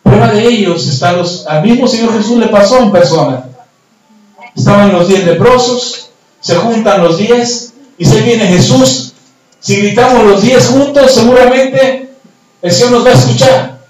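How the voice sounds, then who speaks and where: A male pastor preaches a sermon in a high voice and tells it as a story, dropping to hushed tones and then rising to shouts. He is recorded from far off in a strongly echoing hall, with faint noise underneath. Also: a little slow. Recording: echoey church hall from far off.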